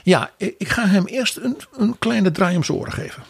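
A man co-hosting a political podcast, giving wry, animated commentary. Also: sits high, normal speed, gravelly, husky, no room sound. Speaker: podcast co-host. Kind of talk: political analysis chat.

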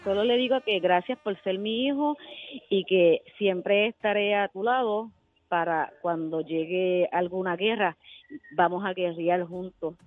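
A middle-aged woman calling in to a radio show, speaking slowly and softly over a lo-fi phone line that sounds like AM radio. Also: lowish voice, soft background music. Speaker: caller. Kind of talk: radio call-in chat. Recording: tinny phone line from far off.

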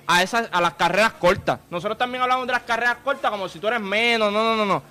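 A man with a high, bright voice. He talks quickly and in an animated way, addressing the listeners directly. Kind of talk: casual chat.

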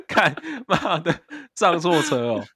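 A young man, co-hosting a casual podcast with quick, teasing reactions and casual swearing. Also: fairly high pitch, wildly swooping pitch, sharp tone, slightly rough, dry recording, studio quality. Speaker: podcast co-host. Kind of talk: casual chat.

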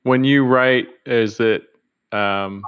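A man hosting a casual interview, encouraging and quick with short affirmations. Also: mid-range voice, steady tone, smooth. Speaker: interview host. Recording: dull lo-fi audio.

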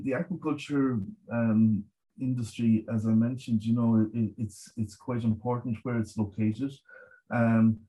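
A middle-aged man with a west of Ireland accent explaining his work in a conversational interview, measured and often repeating words as he goes. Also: fairly low pitch, warm tone, low-quality recording. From Galway, west of Ireland. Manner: measured, hesitant repetition of words, frequent 'you know'. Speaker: marine scientist guest.

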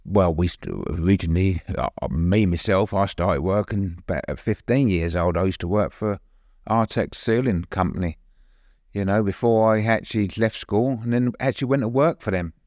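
A man's voice: low voice, normal speed, darkish tone, dry recording, clean studio sound. An older man with an East London accent, recollecting plainly as an interview guest, often adding "you know". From East End of London, later Suffolk. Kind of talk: conversational personal recollection.

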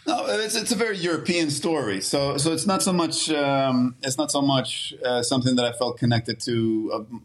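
A man's voice: medium pitch, moderate pace, hardly any pauses. A man from Sweden in his thirties, an actor talking casually as a guest, with many restarts and fillers. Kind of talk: casual interview talk.

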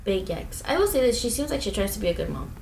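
A woman's voice: medium pitch, very animated, quick pace, vocal fry, a little mellow, reverberant, slight background noise, poor audio. A woman in her twenties, co-hosting a casual podcast from home, chatty and opinionated with lots of "like" fillers. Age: 20s. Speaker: podcast co-host.

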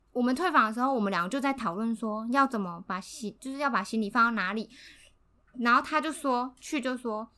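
Young woman, podcast co-host, casual storytelling, bright tone, a bit high, laughs a lot. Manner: animated, laughs often, acts out quotes.

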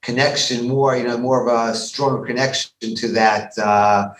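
A man's voice: mid-range voice, steady tone, moderate pace, a bit bright. A man, a rabbi being interviewed, explaining at length in an emphatic way and often restarting his sentences. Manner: emphatic, with frequent restarts and repeated words. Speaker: rabbi, guest. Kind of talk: conversational explanation on a podcast. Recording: echoey room with faint background noise.

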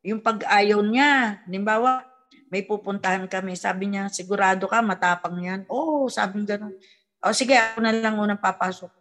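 A middle-aged woman, a mother who works as a folk healer, chats with her family in a relaxed way. She tells her stories with energy and slips into the voices of the people she quotes. Her voice sits at a middle pitch for a woman. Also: moderate pace. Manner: animated storyteller who acts out quoted dialogue. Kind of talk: casual family chat.

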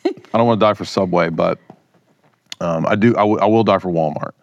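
A man's voice: low-pitched, brisk, highs cut off. A man giving casual, conversational political commentary as a podcast guest, explaining his opinions informally.

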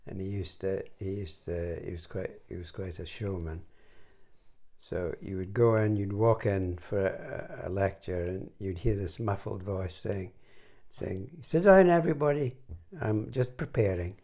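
Older Scottish man with a deep gravelly voice. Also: fairly even intonation, warm tone, lo-fi sound. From Scotland. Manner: halting, many fillers and restarts. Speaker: interviewee. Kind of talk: reminiscing conversation.

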